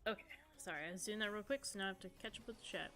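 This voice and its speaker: A woman's voice: medium pitch, very fast, fairly bright tone, soft background music. A woman in her thirties chatting casually on a live stream, answering viewers in a rambling, chatty way. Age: 30s. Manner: chatty, rambling, reading chat aloud.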